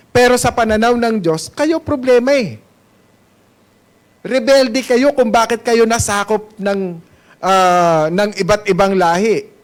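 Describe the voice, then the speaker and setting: A man with a Filipino accent preaching a Sunday sermon as pastor. He mixes Tagalog and English and keeps asking the congregation questions. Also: sits high. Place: church service hall.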